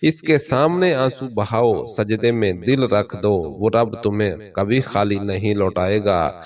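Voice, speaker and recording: Solemn preaching man, low voice. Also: a little mellow, recorded from a distance. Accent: Pakistani Urdu. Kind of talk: scripted motivational sermon narration.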